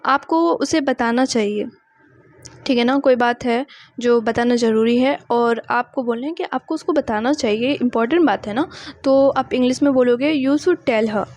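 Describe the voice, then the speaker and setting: A young woman teaching spoken English in Hindi, saying each English phrase slowly and asking listeners to repeat it. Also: fairly high pitch, darkish tone, no echo. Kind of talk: Hindi-medium English lesson.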